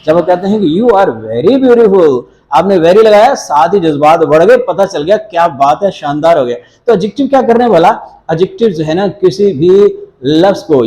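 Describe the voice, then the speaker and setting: A man's voice: on the high side, dark tone, low-quality recording. A male teacher giving a grammar lecture, explaining step by step, repeating words and mixing in English phrases. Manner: repeats words to drill them.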